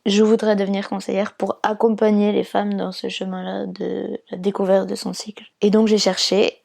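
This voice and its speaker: A woman from France explains her counselling work at an even, patient pace, going step by step and often pausing on fillers. Her voice is mellow and warm, with a gravelly edge of vocal fry. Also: mid-range voice. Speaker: fertility awareness counsellor. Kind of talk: interview answers, explanatory.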